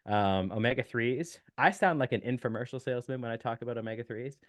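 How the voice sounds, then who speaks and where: A man talking as a nutrition expert in a relaxed podcast chat. His voice sits at an ordinary middle pitch, and the recording is dry and close. He explains technical details steadily, with many small fillers along the way. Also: quick pace, no echo. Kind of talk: casual podcast interview.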